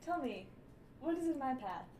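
A woman's voice: high-pitched, expressive, normal speed, darkish tone. A woman voicing a polite, genteel, slightly bewildered adventurer with formal phrasing in a tabletop role-play. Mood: politely curious. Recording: echoey room with background noise.

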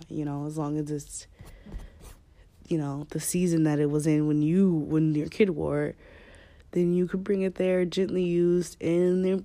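A woman hosting a podcast in casual, rambling, candid talk, with a deep chesty voice that is a bit scratchy from a cold. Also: gravelly, warm tone, dry recording. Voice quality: slightly scratchy. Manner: candid, informal, swearing freely. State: fighting a cold. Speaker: podcast host.

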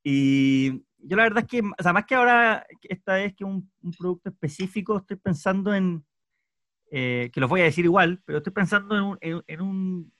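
A male host with a fairly high voice, recorded dry and close with no room sound. He leads a casual discussion. He talks hesitantly, restarting his phrases again and again. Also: normal speed, a bit bright, no echo.

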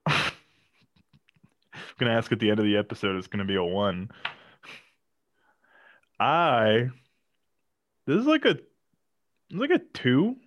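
A man's voice: medium pitch, very animated, takes it slowly, long pauses, a bit bright, dry recording, muffled recording. A man co-hosting a podcast in a laid-back, wry, casual chat. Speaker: podcast co-host.

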